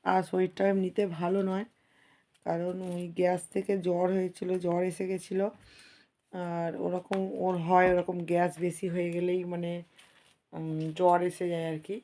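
Hoarse lady talking to her viewers while she cooks at home, low and kinda flat. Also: normal speed. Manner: chatty, addresses viewers as friends. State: hoarse from a cold. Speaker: vlogger. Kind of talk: casual home vlog chat. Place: home kitchen.

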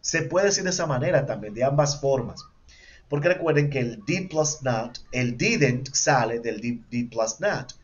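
A male English teacher giving an online class, moving between Spanish and English and repeating each example slowly. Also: medium pitch, animated. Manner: quizzes himself aloud with pupils' questions. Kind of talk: online class explaining grammar. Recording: dull lo-fi sound.

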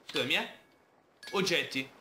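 A man's voice: a little high, animated, normal speed, sharp tone, echoey room, a little hiss or hum. A man playing a video game, chatting playfully and reading the game's text aloud. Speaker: gamer. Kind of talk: Let's Play commentary.

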